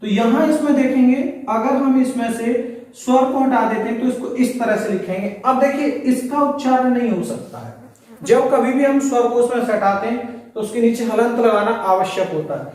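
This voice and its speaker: A man's voice: very high voice, normal speed, a little mellow. A male teacher giving a lecture, explaining step by step and pointing things out as he goes. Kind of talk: classroom lecture. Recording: echoey room, mic far off.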